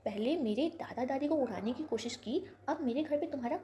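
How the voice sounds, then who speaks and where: A woman playing a fiery young granddaughter, shrill and loud. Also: a little fast, slight background noise, natural voice. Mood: furious. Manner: accusing, shouting, sharp-tongued.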